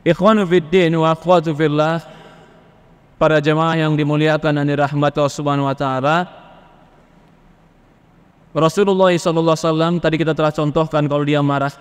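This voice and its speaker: Male preacher, fairly high voice, animated delivery, long reverb of a hall. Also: brisk, long pauses, clean tone. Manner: lively, acts out questioners from the congregation. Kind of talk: Islamic sermon on marriage.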